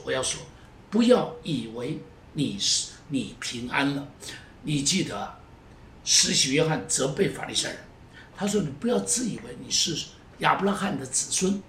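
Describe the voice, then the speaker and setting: A male pastor preaching a sermon in an emphatic way, repeating phrases and moving between loud urging and hushed pleading. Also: a little high. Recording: roomy echo, voice from a distance, faint noise.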